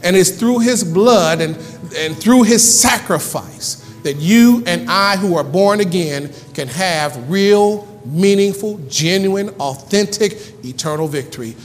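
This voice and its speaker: Male pastor, high voice, rhythmic repeated refrains, church hall reverb. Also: slow pace, soft background music. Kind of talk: sermon. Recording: church hall reverb, faint room noise.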